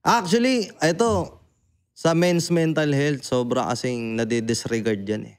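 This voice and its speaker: Animated man with a smooth, clear voice. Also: mid-range voice, unhurried. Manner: animated, swears freely, peppers talk with "di ba?". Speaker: podcast host. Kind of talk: casual Tagalog podcast chat.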